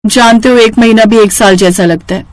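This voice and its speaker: A woman's voice: on the high side, moderate pace, no echo, natural voice. A woman voicing a young wife who talks with snappy, emotional force. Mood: pleading. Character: young wife, sharp and sulky.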